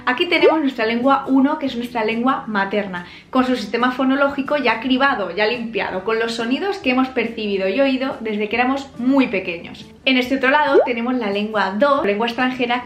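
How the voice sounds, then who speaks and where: A woman with an accent from Spain gives a clear, patient video lesson, her voice sitting a little high. She explains step by step with examples. The room adds a noticeable echo. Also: a bit bright. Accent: Spain Spanish. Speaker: language teacher.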